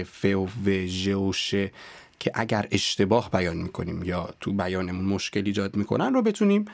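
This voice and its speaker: A man teaching pronunciation in a podcast lesson, sometimes demonstrating words very slowly and deliberately. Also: lowish voice, no echo. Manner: slow, deliberate, over-articulated demonstrations. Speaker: diction coach.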